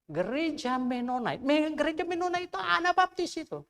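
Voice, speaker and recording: Older guy pastor preaching in church, super animated up and down voice, chatty storyteller asking the crowd stuff. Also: very high voice, fairly quick. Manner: conversational, animated storytelling with rhetorical questions. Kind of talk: sermon. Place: church during a Sunday service.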